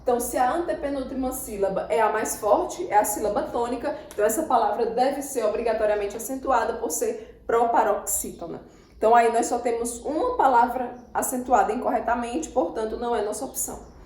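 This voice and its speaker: A woman's voice: a little high, darkish tone. Didactic Brazilian woman teacher, echoey room. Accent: Brazilian Portuguese. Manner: didactic, repeats words slowly syllable by syllable. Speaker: Portuguese teacher. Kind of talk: exam-prep grammar lesson.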